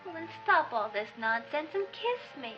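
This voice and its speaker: A woman's voice: high voice, sing-song, normal speed. An actress playing a sweet, exasperated young girlfriend in a 1960s comedy film. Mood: puzzled, impatient. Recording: dull old film soundtrack with music.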